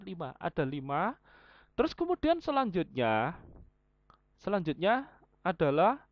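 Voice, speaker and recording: A vocational school teacher explains her online class point by point, tying each idea to everyday examples, her pitch rising and falling a lot. The recording is dry and slightly dull, with no room sound or echo.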